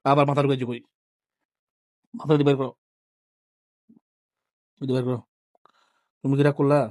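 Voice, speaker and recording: A man's voice: mid-range voice, flat delivery, moderate pace, a little mellow, no echo, studio quality. A man vlogging while he coaxes, teases and playfully scolds his sulking pet. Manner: coaxing, teasing, playfully scolding. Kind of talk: casual vlog talk to a pet.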